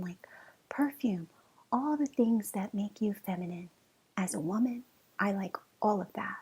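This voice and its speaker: Husky, mellow woman chatting on a podcast. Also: mid-range voice, poor audio. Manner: playful, addresses listener directly with questions. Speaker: podcast host and relationship coach. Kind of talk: casual chatty solo podcast monologue.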